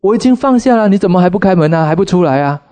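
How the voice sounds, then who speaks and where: A man's voice: mid-range voice, very animated, normal speed, dark tone, pitched above the performer's own voice. A man voicing an angry husband in a sermon story, speaking in a blustering, challenging way. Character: hot-tempered husband, later humbled.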